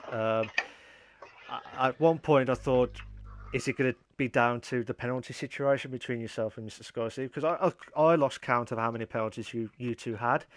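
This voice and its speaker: A man with an English Midlands accent hosts an informal post-race interview. His phrasing is hesitant and loops back on itself. He has a medium-pitched everyday voice. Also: no room sound. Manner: rambling, repetitive, hesitant phrasing. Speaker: interviewer, league host.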